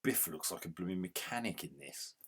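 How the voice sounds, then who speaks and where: A man giving casual gameplay commentary as a retro game reviewer, grumbling in exasperation and yelling at the game. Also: low voice, expressive, a little fast, breathy edge.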